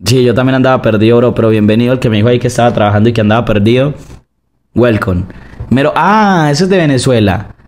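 A man's voice: medium pitch, fast talker, darkish tone. A man, chatting casually on a stream and answering viewers in a crude, joking, slangy way.

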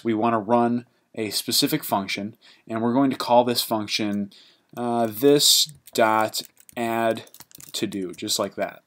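Lower-voiced man talking through code. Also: a bit bright. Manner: casual, halting, many fillers and restarts. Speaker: programming instructor. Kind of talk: screen-recorded coding tutorial.

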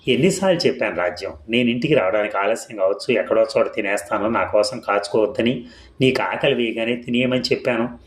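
A man voicing a secretive husband who coaxes and reassures his wife, in a low, echoing reading voice. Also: fast talker, natural voice. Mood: coaxing. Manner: coaxing, affectionate. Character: secretive husband, soothing and affectionate. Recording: echoey room.

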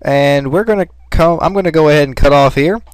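A man's voice: on the high side, a little fast, smooth, no echo, studio quality. Sarcastic man playing a game. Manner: sarcastic, joking asides. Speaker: let's play host. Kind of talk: casual gameplay commentary.

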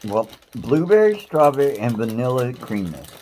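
A man's voice: medium pitch, big pitch swings, normal speed, a little mellow, slight background noise. A man co-hosting a casual snack-tasting video, teasing his partner and reading product blurbs aloud.

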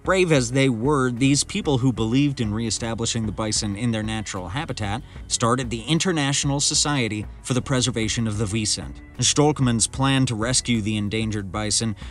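A man narrating a scripted nature documentary in a measured, dramatic storytelling manner. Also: medium pitch. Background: background music.

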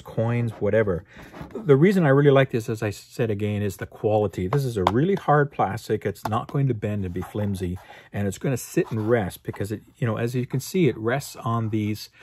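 A man's voice: on the low side, darkish tone, breathy edge. A man hosting his own show, casually reviewing car accessories in an easygoing way, with lots of uh and um fillers. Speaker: host.

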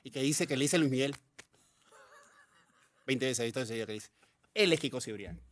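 A man's voice: mid-range voice, fairly quick. A middle-aged man hosting a podcast, playful and jokey in casual interview chat at a desk mic. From Peru. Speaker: podcast host. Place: dark studio set. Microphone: desk mic on stand.

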